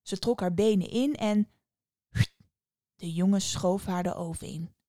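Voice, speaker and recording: A woman telling a fairy tale in calm, scripted podcast narration. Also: medium pitch, unhurried, no echo, studio quality. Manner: calm, even storytelling. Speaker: podcast storyteller.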